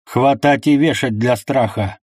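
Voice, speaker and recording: A man voicing a furious commanding tsar who shouts slowly and sternly. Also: medium pitch, breathy edge, no echo, clean studio sound. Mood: angry commanding.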